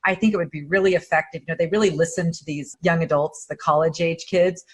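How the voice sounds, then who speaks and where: A woman's voice: lowish voice, fairly even intonation, fast talker, slightly rough. A woman hosting a podcast, chatting with enthusiasm and laughing easily. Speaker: podcast host. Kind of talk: casual interview chat.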